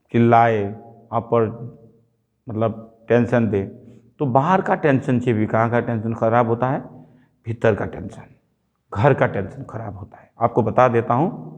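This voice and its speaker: A man's voice: mid-range voice, lo-fi sound. A man from Nepal, a native Nepali speaker, preaching a sermon and telling a childhood story, acting out the dialogue. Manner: animated storytelling, acts out quoted dialogue.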